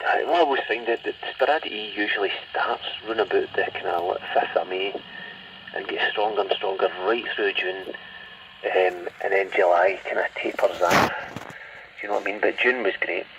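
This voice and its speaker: A man's voice: low voice, moderate pace. A Scottish man chatting casually over CB radio in an enthusiastic, rambling manner. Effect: CB radio transmission. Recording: muffled, noisy, distant CB radio audio.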